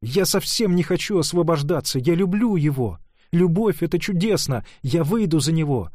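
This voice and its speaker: A man voicing an earnest young woman in love, talking in an excited, pleading rush. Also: a little high, moderate pace, no room sound, studio quality, voice pushed up.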